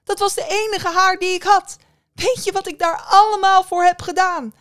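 A woman voicing a brave, desperate young woman who speaks high and loud in a storybook tale. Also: steady tone, normal speed, no room sound, clean studio sound. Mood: distraught. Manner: high, loud, breathless pleading.

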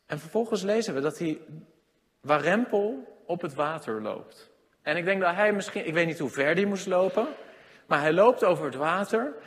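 A man preaching a sermon, swinging between loud emphatic lines and hushed low ones. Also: brisk. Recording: long hall reverb.

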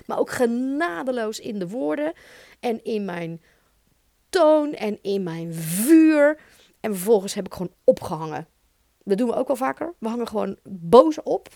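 A woman in her thirties with a Dutch accent, hosting her own podcast and talking in an expressive, emphatic way. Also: fairly high pitch, normal speed, vocal fry, no echo, studio quality. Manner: intense, expressive, emphatic with swearing. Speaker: podcast host. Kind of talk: solo podcast monologue.

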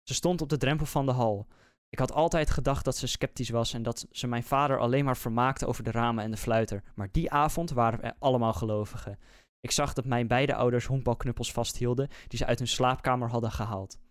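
A man, a podcast host, reading a scary story aloud in a slow, measured, suspenseful way. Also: medium pitch, steady tone, smooth, dry recording, clean studio sound. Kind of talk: scripted horror story narration.

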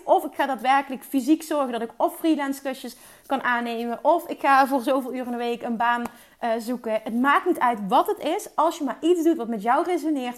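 A woman with a high voice speaks as a business coach in a motivational monologue. She talks with energy and drive, and she keeps slipping English words into her sentences.

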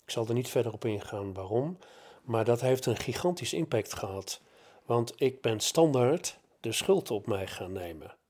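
A man's voice: medium pitch, expressive, moderate pace, darkish tone. A middle-aged man telling a personal story about his school years, reflective and hesitant, with many fillers.

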